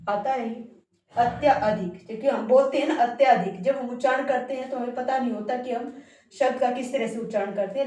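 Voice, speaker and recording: A woman's voice: a little high, a little mellow. Echoey woman teacher heard from afar. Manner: repeats words and asks the class questions. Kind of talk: spelling lesson to a class. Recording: very echoey room, voice from far off.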